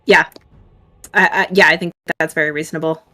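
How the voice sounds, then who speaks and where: A woman's voice: low-pitched, steady tone, a little fast, pushed and bright. A woman playing in a tabletop game, chatting casually and laughing with the table. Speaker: player. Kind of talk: casual chat.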